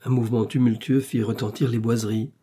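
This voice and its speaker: Mellow-voiced male audiobook narrator. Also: mid-range voice, husky. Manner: measured, steady storytelling. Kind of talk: scripted literary narration.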